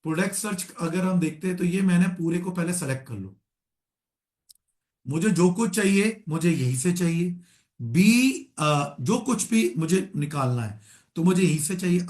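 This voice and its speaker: A man's voice: a little high, expressive, normal speed, darkish tone, reverberant. A man teaching a live online Excel class, often calling his students "beta" and checking that they follow.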